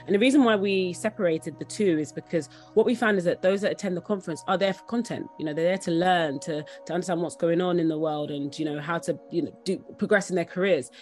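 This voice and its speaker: A young woman with a fairly low, darkish voice talks fast with few pauses over soft background music. She is a company founder and interview guest on a video call, speaking casually and enthusiastically and repeating words for emphasis.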